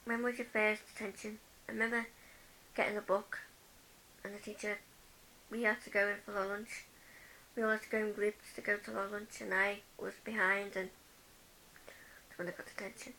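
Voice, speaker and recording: A woman's voice: mid-range voice, level tone, moderate pace, bright, forceful tone, slight background noise, poor audio. A young woman from the UK vlogging a tag video, chatting as she reads each question aloud and answers it with personal stories.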